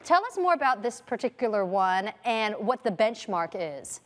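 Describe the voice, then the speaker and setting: Woman anchor asking brisk questions. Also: medium pitch, big pitch swings, long reverb tail. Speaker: news anchor. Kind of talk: business news interview.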